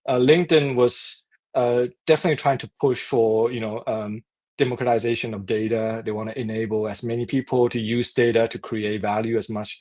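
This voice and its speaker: Halting New man guest. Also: medium pitch, darkish tone. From New Zealand. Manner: halting, many fillers, laughs lightly. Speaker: guest, startup co-founder. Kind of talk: casual interview chat.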